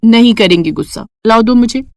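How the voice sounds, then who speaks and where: A woman voicing a gentle but firm young bride in a cartoon, speaking earnestly. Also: fairly high pitch, brisk, dry recording, natural voice. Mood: cheerful.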